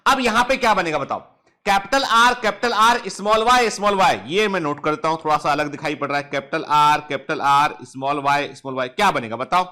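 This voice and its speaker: High, bright-voiced male biology teacher. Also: brisk. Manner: drills students with repeated questions, joking and scolding playfully. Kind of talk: online lecture. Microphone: touchscreen device close up.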